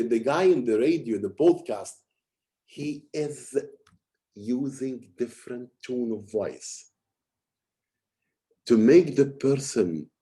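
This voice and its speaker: Mellow-voiced man coaching on presentations. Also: medium pitch. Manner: animated, emphatic, repeats words while explaining. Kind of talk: teaching talk on presenting.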